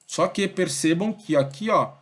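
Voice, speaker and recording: A man's voice: high-pitched, a little slow, a bit bright. Man teaching code casually. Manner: conversational, thinks aloud, many fillers like "beleza?" and "ó". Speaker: programming teacher. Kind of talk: casual screen-recorded coding lesson.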